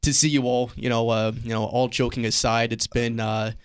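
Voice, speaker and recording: A man co-hosting a radio show in a studio, speaking softly and sitting back from the microphone. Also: medium pitch, level tone, normal speed, smooth. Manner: soft-spoken, sits back from the mic. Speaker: co-host. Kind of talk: casual sports radio banter.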